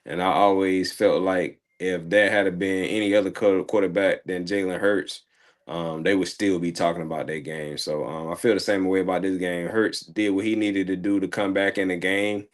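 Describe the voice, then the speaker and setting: A man co-hosting a sports show, casually recapping a football game in a rambling, slangy way, his throat slightly hoarse. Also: deep voice, steady tone, normal speed. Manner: rambling, slangy, repeats words and fillers.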